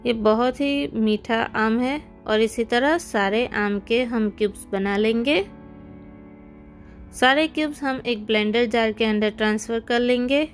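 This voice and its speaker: Woman, cooking host, recipe voice-over, friendly step-by-step instructions, fairly high voice, faint music behind. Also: fairly even intonation, a little slow. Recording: soft background music.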